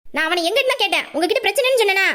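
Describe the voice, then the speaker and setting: A woman playing a defiant, fast-talking young woman. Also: extremely high pitch, lively intonation, exaggerated voice. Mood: demanding. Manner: forceful, defiant speeches. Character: headstrong young working woman, defiant daughter. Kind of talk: audio drama acting.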